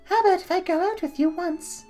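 A woman's voice: extremely high pitch, brisk, mellow, soft background music. A woman voicing a playful young flower-selling woman in a game playthrough. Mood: teasing. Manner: playful, teasing.

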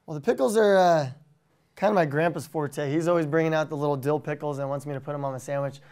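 A young man with an American accent talks casually and easygoing as a guest. His voice is smooth and clear, a little higher than average. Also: quick pace. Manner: easygoing, relaxed, uses lots of fillers. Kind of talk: casual chat.

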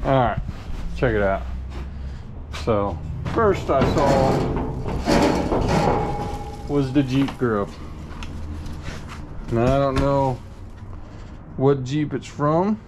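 Slow, folksy man on a chest cam. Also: medium pitch. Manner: folksy, unhurried, thinking aloud. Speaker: vlogger sorting a storage unit. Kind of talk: casual chest-cam vlog narration. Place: metal storage unit and gravel lot outdoors. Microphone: chest-mounted action camera. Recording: noisy outdoor action-camera audio.

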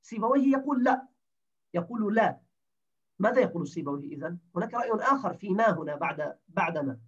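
A man's voice: sits high, lively intonation, fast talker, breathy edge. A man teaching a grammar class, explaining step by step and quizzing his students with questions. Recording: distant dull lo-fi recording.

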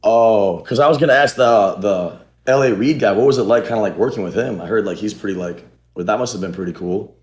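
A young man on a video call, chatting as a dating contestant in a deadpan, trolling way with frequent laughs. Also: fairly low pitch, a little fast, few pauses. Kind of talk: casual video-call chat. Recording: echoey room.

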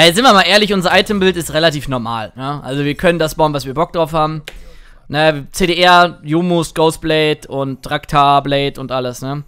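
A young man chatting excitedly through live gameplay commentary as a streamer, now and then singing or shouting at a play. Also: sits high, smooth. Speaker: gaming streamer.

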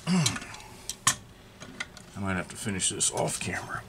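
A man's voice: deep voice, sing-song, measured pace, creaky, very noisy. Chatty man in a repair workshop. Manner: chatty, thinking aloud while working, bursts of surprise. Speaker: chainsaw repair channel host. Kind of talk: casual workshop show-and-tell.

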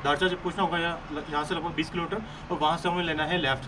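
A man's voice: fairly high pitch, steady tone, fast. A man on a motorcycle road trip, explaining the route to the camera and sounding keen about the ride ahead. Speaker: riding companion explaining the route. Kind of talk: casual vlog chat. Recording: distant outdoor mic with loud noise.

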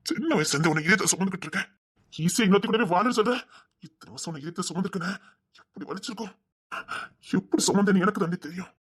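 A woman's voice: medium pitch, breathy edge, close to an everyday voice. A woman acting an obsessive young man who begs and threatens his beloved, in a web drama. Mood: aggrieved. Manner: pleading and possessive, fast.

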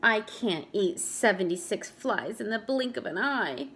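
A woman's voice: medium pitch, expressive, a little slow, fairly bright tone, slightly rough. Woman doing Franklin, a boastful little turtle. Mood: worried. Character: boastful young male turtle, fibbing then worried.

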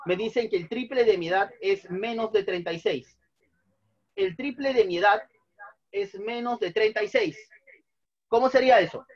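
Over lo-fi sound, a man in his thirties with a high-pitched voice teaches math on a whiteboard in a small room for an online class. Patient, he repeats each step and asks his students questions.

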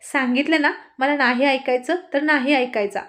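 A woman's voice: high-pitched, steady tone, normal speed, fairly bright tone. Woman narrator voicing a bashful giggly young wife. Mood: playful. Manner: shy, giggly, sometimes scolding.

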